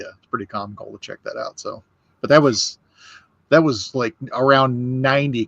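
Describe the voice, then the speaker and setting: This whiskey podcast host, a man in his fifties, rambles through workplace stories in a casual chat, often restarting his sentences and laughing. His voice sits on the low side with a fairly bright tone, though the audio sounds dull.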